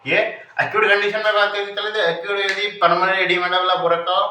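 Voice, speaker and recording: Guy teaching medicine casually, high bright voice, far off in a roomy echoey space. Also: flat delivery, a little fast, a little hiss or hum. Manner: explains with everyday analogies, asks rhetorical questions. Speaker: medical lecturer. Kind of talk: informal Hindi lecture. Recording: echoey room, voice far from mic.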